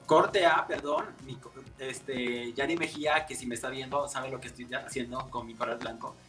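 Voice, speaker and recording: A man with a Mexican accent, a makeup artist telling stories in a casual, lively interview. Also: medium pitch, normal speed, faint music behind. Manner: animated, expressive, many fillers.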